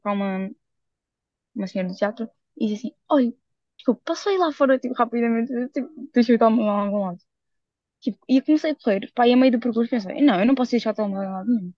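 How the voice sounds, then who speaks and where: Young portuguese woman, super fast chatty storytelling, lots of slang, dry kinda dull mic. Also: fairly high pitch, darkish tone, no room sound. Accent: European Portuguese. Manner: rapid storytelling full of fillers and slang. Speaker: podcast co-host. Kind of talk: casual chat.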